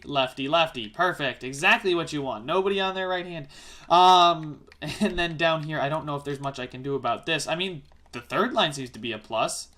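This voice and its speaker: A man giving casual let's-play commentary, rambling and exasperated, often correcting himself as he talks fast. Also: fairly high pitch, bright, forceful tone. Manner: fast-talking. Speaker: gaming YouTuber.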